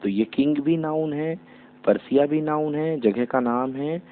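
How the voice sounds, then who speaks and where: A man's voice: a little high, measured pace. Man teaching over tinny phone-like audio. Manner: asks the class questions and answers them himself. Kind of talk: classroom grammar lesson.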